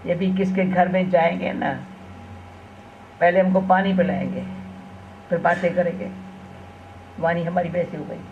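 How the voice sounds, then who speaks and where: A woman's voice: lowish voice, measured pace, long pauses. An older woman, a spiritual teacher, speaks to a gathering in a storytelling manner, weaving small anecdotes into her teaching. The recording is muffled and lo-fi, with a faint hiss underneath. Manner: homely storytelling, tag questions with "na". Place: event gathering.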